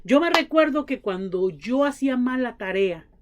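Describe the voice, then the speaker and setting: Woman preacher, high voice, tells lively family stories in her sermon. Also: normal speed, noisy background. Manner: addresses the congregation as brothers, acts out family dialogue.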